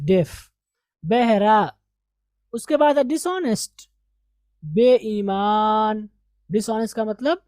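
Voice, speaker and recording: Slow, drilling woman English teacher. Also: fairly high pitch, darkish tone, no room sound. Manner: slow, repeats each word for pronunciation drill. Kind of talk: vocabulary lesson with drills.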